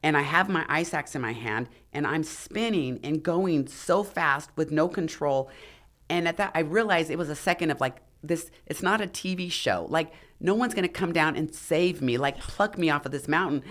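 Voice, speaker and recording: A woman's voice: low-pitched, normal speed. A middle-aged woman, a podcast guest, telling a dramatic story in a casual interview and acting out what others said. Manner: animated, acts out the dialogue of others. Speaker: podcast guest, former figure competitor and mountaineer.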